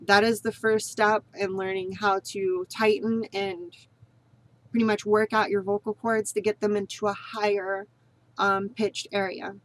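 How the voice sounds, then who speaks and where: A woman vlogger gives a casual, rambling tutorial on voice training, repeating herself while staying earnest and encouraging. Her mid-range voice is level in tone and unhurried, and the recording is rough.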